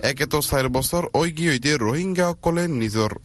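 A man's voice: fairly high pitch, expressive, moderate pace. A man giving a scripted report as a reporter for an AM radio programme.

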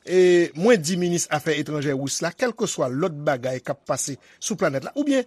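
A man anchors a news broadcast, talking it through conversationally with fillers between points. His voice sits fairly high and is recorded dry and close. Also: expressive, brisk, darkish tone, slightly rough, dry recording.

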